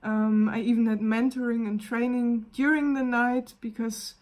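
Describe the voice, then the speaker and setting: A woman with a German accent, a wellness coach gently talking through a casual live video demonstration and often pausing to search for words. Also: on the high side, little pitch movement.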